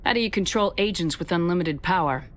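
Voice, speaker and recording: Woman as brisk Commander Shepard, low-voiced. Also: animated, natural voice. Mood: inquiring. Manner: direct, terse, cool. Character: confident, direct female military commander. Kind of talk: video game voice acting.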